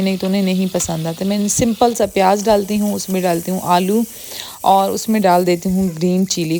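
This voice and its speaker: A woman who talks quickly in a friendly, homely way, narrating her home cooking as a vlogger. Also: mid-range voice, warm tone, slight background noise. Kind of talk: chatty cooking voice-over. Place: home kitchen.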